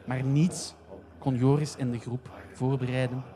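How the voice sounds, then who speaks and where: A man narrating a comic story in a steady, even way. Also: mid-range voice, a little slow.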